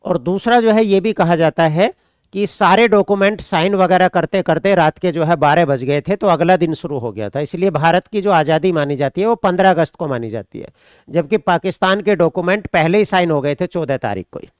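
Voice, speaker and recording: A man's voice: a little high, a little fast, smooth, no echo, clean studio sound. A man from India, teaching an online exam-prep class. He repeats points, dictates notes and answers students' questions.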